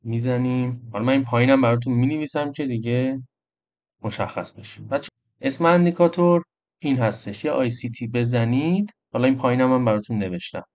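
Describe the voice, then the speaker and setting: A man's voice: medium pitch, a little mellow. A man hosting a trading channel, walking viewers through an indicator in a casual, chatty screen-recorded tutorial. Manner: casual, addresses viewers as friends.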